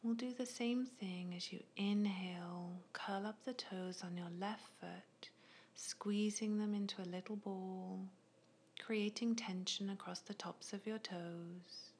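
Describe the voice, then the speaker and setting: A woman guiding a progressive muscle relaxation in a soft, unvoiced ASMR whisper, with slow, gentle, soothing instructions. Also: mid-range voice, fairly even intonation. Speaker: relaxation guide.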